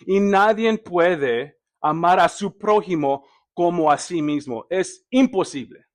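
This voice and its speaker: A man preaching a sermon in a conversational way, asking the congregation questions and pausing on fillers. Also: high voice, expressive. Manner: hesitant, many fillers and restarts.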